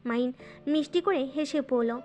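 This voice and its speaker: A woman doing scripted narration of a romance audio story in a smooth, even storytelling manner. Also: sits high, measured pace, faint music behind.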